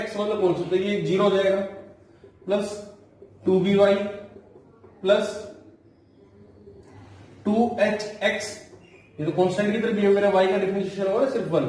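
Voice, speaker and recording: एक पुरुष शिक्षक, ऊँची आवाज़ में, कक्षा को गणित के फ़ॉर्मूले समझाते हुए, हर कदम दोहराते हुए। आवाज़ बहुत गूंजती है और माइक से दूर लगती है।. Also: male voice, high voice, a little mellow. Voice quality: explains step by step, repeats key phrases, slows down to dictate formulas. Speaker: math teacher. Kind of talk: classroom math lecture. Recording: very echoey room, voice from a distance.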